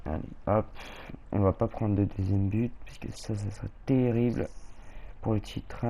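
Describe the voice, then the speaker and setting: A man casually commentating his gameplay in a halting way, often repeating words, on a cheap USB mic. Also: fairly low pitch, fairly even intonation, vocal fry, warm tone, a little hiss or hum. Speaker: gaming streamer.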